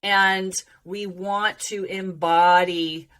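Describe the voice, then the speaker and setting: A woman's voice: mid-range voice, fairly even intonation, a bit bright. Female voice coach, mid-range, informal and emphatic teaching delivery, noticeably prolonged sibilant s. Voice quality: drawn-out sibilant s sounds. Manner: emphatic, encouraging, checks in with "okay". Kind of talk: informal self-help teaching.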